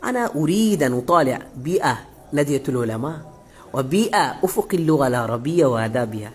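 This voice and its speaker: A man from Bangladesh, a visiting sheikh urging students in a classroom lecture, quizzing them with repeated questions and halting often to restart. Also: mid-range voice, lively intonation. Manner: halting, many pauses and restarts.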